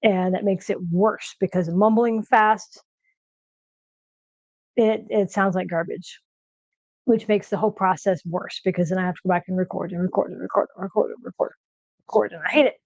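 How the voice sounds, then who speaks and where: A middle-aged American woman chatting casually on a home cooking stream. She talks quickly when excited and pauses to search for words. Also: mid-range voice, no room sound, rough recording. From United States. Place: home kitchen.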